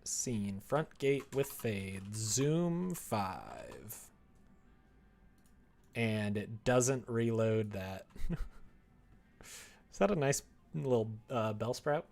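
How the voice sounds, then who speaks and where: Extremely slow and sing-song, with vocal fry and long pauses, a man speaks in a fairly low, darkish voice as faint music plays behind him. He's a streamer working on a visual novel, giggling and playfully muttering to himself as he thinks aloud in casual livestream chat.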